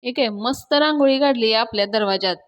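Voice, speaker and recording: A woman's voice: a little high, a little fast, lo-fi sound, natural voice. A woman voicing a fussy, defensive elderly man who keeps protesting his innocence.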